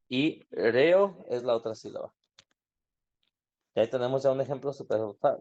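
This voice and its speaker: In dull, lo-fi online class audio, a man with a medium-pitched, slightly mellow voice teaches a grammar lesson. He explains things patiently and puts questions to his students.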